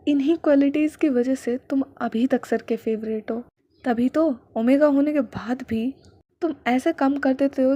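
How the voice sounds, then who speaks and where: A woman's voice: high voice, mellow, dry recording, highs cut off. Woman doing young soldier buddy, teasing and chatty.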